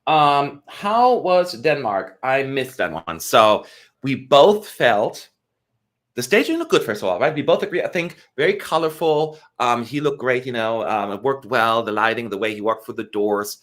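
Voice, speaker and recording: A man co-hosting a live stream in relaxed chat. His pitch moves up and down a lot as he talks, at a middle height for a man. He fills his pauses with many ums. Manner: chatty, lively intonation, many fillers.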